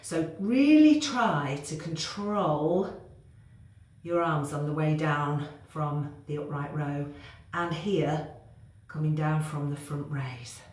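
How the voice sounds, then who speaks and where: Her voice sits low and a little mellow, and she takes her time. As a fitness instructor, she cues moves while doing them, gradually losing her breath, recorded in a very echoey room with faint background noise.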